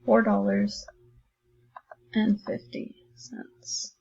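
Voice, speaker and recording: A woman teacher walks her students through math problems in a recorded online lesson, chatting and encouraging them as she writes. Her voice is dark and gravelly, with a husky edge. The recording sounds dull and lo-fi. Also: mid-range voice, little pitch movement, very slow. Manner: chatty, encouraging, thinks aloud while writing.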